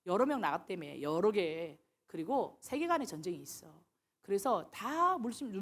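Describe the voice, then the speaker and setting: A woman's voice: medium pitch, breathy edge. A woman missionary preaching a sermon, telling stories animatedly and acting out the dialogue she quotes.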